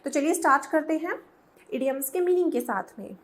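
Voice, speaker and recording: A woman's voice: high voice, animated, fairly quick, a little hiss or hum. A woman teaching English idioms to Hindi speakers, mixing Hindi and English and patiently spelling words out letter by letter. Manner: switches between Hindi and English. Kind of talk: Hindi-English language lesson.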